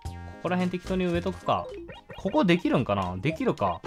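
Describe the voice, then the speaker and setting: A man's voice: sits high, huge pitch swings, brisk, over music. Mumbling man doing game commentary. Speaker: game streamer. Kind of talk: casual let's-play commentary.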